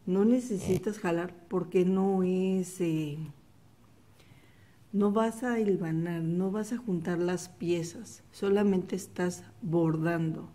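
A middle-aged woman teaches an embroidery stitch in a slow, patient tutorial. Her voice sits low and mellow, and she softly repeats each step as she works. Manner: calm step-by-step instruction, repeats the steps softly.

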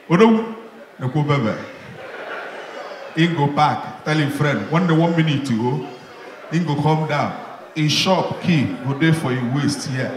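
A man with a Nigerian Igbo accent doing stand-up comedy on a live stage, animated, slipping into mocking voices for his characters. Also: a little high. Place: live stage with audience in a hall. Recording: echoey hall, audience noise. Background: audience laughter.

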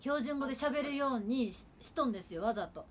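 High-pitched, expressive and fast, the voice belongs to a Kagawa idol livestreamer in her twenties chatting in dialect with her sister at home. She rambles in a chatty way with many fillers, and a slight hiss or hum sits under the recording.

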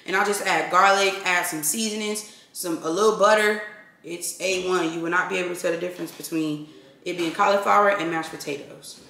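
A middle-aged cooking vlogger chats casually with her viewers, calling them "y'all," while she preps and cooks in her home kitchen, filmed by a camera across the room. Her fairly low voice is steady, fairly quick, pushed and bright, with vocal fry. The kitchen sounds echoey, with pans sizzling.

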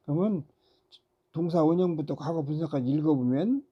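An English teacher giving a recorded grammar lecture, patiently repeating words, pausing on fillers and asking rhetorical questions. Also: mid-range voice, slightly rough, dull audio. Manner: frequent "ja" fillers between steps.

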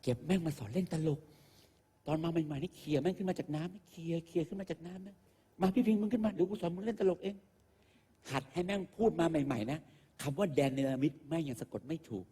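A man's voice: a little high, fast, dark tone, slightly rough. A man doing a stand-up comedy monologue on a live stage, crude, profane and mocking in how he talks. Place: live stage show with an audience.

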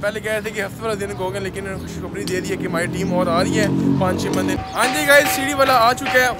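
Over loud music, a young man from Pakistan gives a fast, sing-song, high-voiced walkthrough of a rooftop construction site for his viewers. He speaks Urdu with a Punjabi accent, recording on a phone at arm's length amid outdoor noise.

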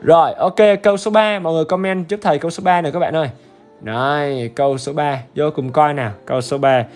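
A fast-talking man with a highish voice and fairly even intonation teaches English on a livestream, faint music in the background. In this exam-review lesson he's upbeat and chatty, repeatedly checking in and urging viewers to comment.

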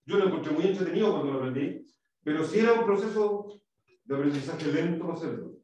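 A man's voice: a little high, fast talker, a little mellow. A male English teacher giving a classroom lesson, explaining step by step, quizzing students and demonstrating sounds. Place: school classroom. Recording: echoey classroom, mic far off.

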